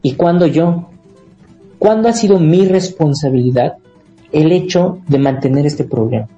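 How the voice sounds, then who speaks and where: A man's voice: fairly high pitch, measured pace, dark tone, highs cut off, soft background music. A man, a therapist hosting a live talk show about relationships, explaining in a conversational way with everyday examples and frequent fillers.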